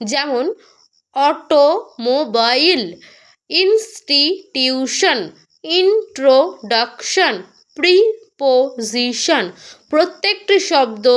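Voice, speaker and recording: A woman explaining an English lesson, talking straight to the viewer and sounding out example words slowly, syllable by syllable. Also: high-pitched. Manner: addresses the viewer directly. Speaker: English teacher.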